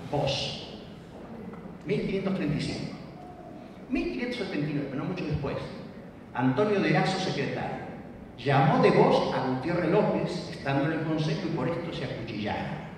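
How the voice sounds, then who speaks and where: A man's voice: on the high side, a little mellow, slight background noise. A man giving an academic lecture, teaching and checking in with his listeners. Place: lecture hall. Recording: echoey hall from far off.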